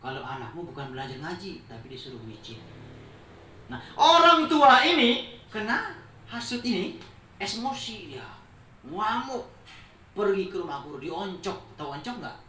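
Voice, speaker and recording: Preacher with a bright, lively voice. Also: male voice, sits high, moderate pace, long pauses. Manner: lively storytelling, jokes, acts out dialogue. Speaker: Islamic preacher. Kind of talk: sermon at a memorial gathering. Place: large room in a private home. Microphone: distant mic. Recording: roomy, distant mic, faint noise.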